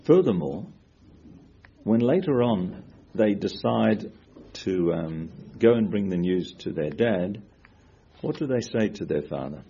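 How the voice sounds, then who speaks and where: A man's voice: lowish voice, expressive, takes it slowly, gravelly, dark tone, breathy edge, muffled recording. A man teaching a Torah class, asking questions and quoting Hebrew sources as he explains them.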